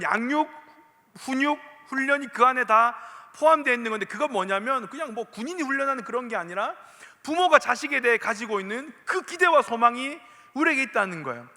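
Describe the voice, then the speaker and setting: Male pastor with a Gyeongsang accent, animated preaching, voice swinging widely in pitch, long church-hall reverb. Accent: Gyeongsang dialect. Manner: animated, asks the listeners many questions. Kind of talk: sermon to a youth congregation.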